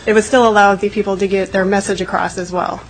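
A woman explains a point at a hearing in a matter-of-fact way. Her voice sits at a middle pitch with little rise and fall, and there is faint room noise. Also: little pitch movement, quick pace, rough recording. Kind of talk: answering in a hearing.

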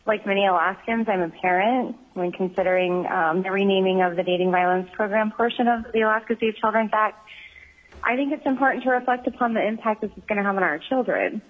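A woman calls in to testify at a hearing, speaking in an earnest, measured way and leaning on small ums as she goes. Her voice comes through a thin, tinny, crackly phone line that fades in and out. Her pitch sits in the middle of the usual range. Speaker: member of the public testifying at a hearing. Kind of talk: prepared public testimony by phone. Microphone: phone call-in.

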